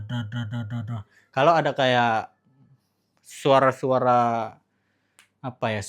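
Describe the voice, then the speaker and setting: A man teaching Quran pronunciation, explaining casually and slowly repeating each sound to demonstrate it. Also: medium pitch. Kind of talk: recorded tajwid lesson.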